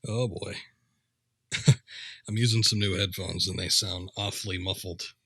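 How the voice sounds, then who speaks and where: A man's voice: low voice, fairly even intonation, a little slow, sharp tone, husky, no echo, clean studio sound. A man streaming a game with casual, rambling chat, offhand and thinking aloud.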